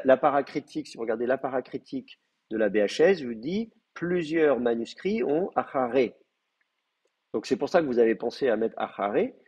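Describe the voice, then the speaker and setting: A man lectures a live class, working through grammar points patiently with frequent pauses and fillers. His voice is husky and slightly breathy. The recording is dull and lo-fi. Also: medium pitch, a little mellow. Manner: hesitant, many fillers, explains step by step. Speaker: Hebrew teacher.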